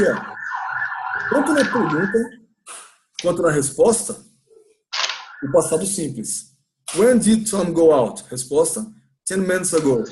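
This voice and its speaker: A man's voice: a little high, slight background noise. A man with a Brazilian Portuguese accent teaching an English grammar class in a church classroom, patiently questioning students and repeating points.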